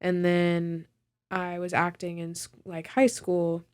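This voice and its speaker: A woman's voice: on the low side, completely flat delivery, takes it slowly, clean tone. A young woman from California, a singer and actress, chatting casually as a podcast guest, laughing often and filling her talk with "like". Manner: laughs often, lots of "like" fillers.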